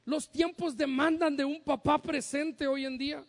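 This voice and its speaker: A man's voice: very high voice, steady tone, normal speed, long reverb tail. A man preaching a sermon as pastor, humorous and acting out the voices of parents and sons.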